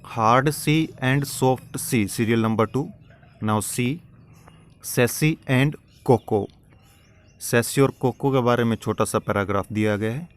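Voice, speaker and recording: An Indian man teaching an English lesson, reading each line slowly and carefully. He explains in Hindi and spells words out letter by letter, like a schoolteacher going over a textbook. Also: mid-range voice. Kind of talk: recorded classroom lecture.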